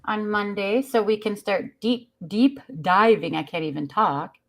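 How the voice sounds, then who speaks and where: A woman's voice: mid-range voice, expressive, measured pace. Giggly woman hosting a live stream. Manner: giggly, greets chat viewers by name. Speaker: livestream host. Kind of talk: casual live-stream chat.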